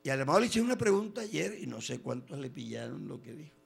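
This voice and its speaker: Animated preacher man with a gravelly voice. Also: mid-range voice, quick pace, slight background noise. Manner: animated storytelling, sudden loud bursts and quoted voices. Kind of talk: sermon.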